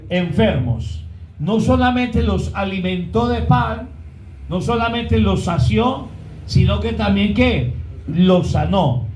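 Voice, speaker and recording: A man's voice: sits high, lively intonation, takes it slowly, a little mellow, echoey room, slight background noise, low-quality recording. A man preaching a sermon as pastor, often asking the congregation to fill in words.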